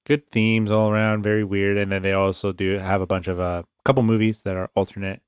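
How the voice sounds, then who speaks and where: A man's voice: lowish voice, flat delivery, brisk, clean tone, no echo, clean studio sound. A man co-hosting a casual podcast, laid-back and teasing, mostly with short replies. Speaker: podcast co-host. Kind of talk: casual chat.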